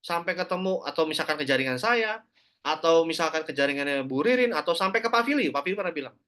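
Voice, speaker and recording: A man's voice: fairly high pitch, fast. A man giving a motivational network marketing talk, speaking straight to his listeners and acting out the voices of people he quotes. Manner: animated, acts out quoted voices, addresses listeners directly.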